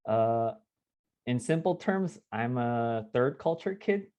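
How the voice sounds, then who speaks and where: A Korean-born man interviews over a video call in an even, mid-pitched voice. He talks in a measured, conversational way, often pausing to rephrase. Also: dull audio. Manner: measured, self-correcting, conversational.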